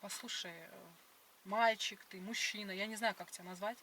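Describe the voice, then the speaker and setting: Woman, bright edgy voice, dismissive, hesitant phrasing, casual argument, a little distant from the mic. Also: mid-range voice, steady tone, moderate pace, slight background noise. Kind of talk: casual argumentative chat on a date. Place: inside a car.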